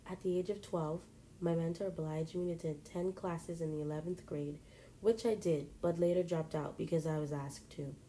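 A woman reads a first-person story aloud in a plain, steady way. Her voice is low and mellow, with faint noise in the background. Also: poor audio.

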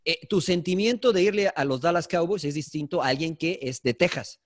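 A man with a Mexican accent and a notably high-pitched voice pushes his case in a loose sports-talk debate. He speaks emphatically, cutting in, retelling stories and pressing questions on his co-hosts. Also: brisk. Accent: Mexican Spanish. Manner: argumentative, storytelling, emphatic. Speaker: podcast co-host, sports commentator. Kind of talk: heated casual debate.

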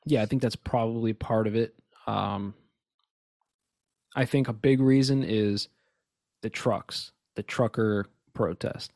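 A man's voice: on the low side, steady tone, slow, a little mellow, no room sound. Rambling man on a dry podcast mic. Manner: rambling, emphatic, with many restarts and asides. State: has the hiccups. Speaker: podcast co-host. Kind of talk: casual conspiracy chat.

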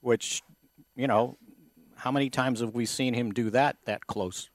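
A man's voice: mid-range voice, steady tone, unhurried, dry recording. A man co-hosting a casual sports podcast, telling anecdotes with lots of false starts and repeated words. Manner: storytelling, many false starts. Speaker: podcast co-host.

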